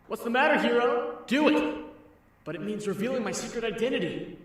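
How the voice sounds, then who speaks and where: A man's voice: very high-pitched, lively intonation, brisk, fairly bright tone, slightly rough, no room sound, exaggerated voice. A man voicing an earnest, self-doubting and wry young superhero in a comic book dub, with theatrical delivery. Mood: torn, anxious.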